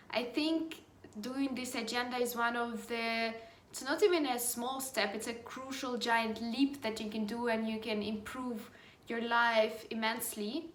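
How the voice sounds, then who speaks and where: A woman's voice: fairly high pitch, fairly bright tone. A woman with a British accent, hosting a motivational vlog and cheering her followers on, with plenty of "like" fillers. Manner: upbeat, encouraging, many "like" fillers. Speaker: life coaching program host. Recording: echoey room.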